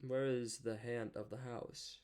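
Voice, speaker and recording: A man's voice: medium pitch, level tone, measured pace, a little mellow, smooth. A man hosting a reaction video, making casual commentary full of musing, unsure asides.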